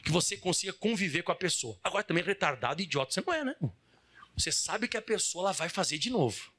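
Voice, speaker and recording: A male pastor preaching in a high, bright voice that swings widely in pitch. He talks animatedly, acting out little scenes and building to fervent, emphatic prayer. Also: sing-song, quick pace. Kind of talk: lively sermon.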